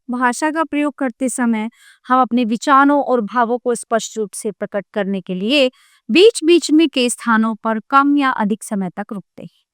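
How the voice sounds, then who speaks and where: Lady teacher doing a kids grammar lesson, gentle, close dry mic. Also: a little high, clean tone, dry recording. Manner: gentle, addresses children directly, asks rhetorical questions.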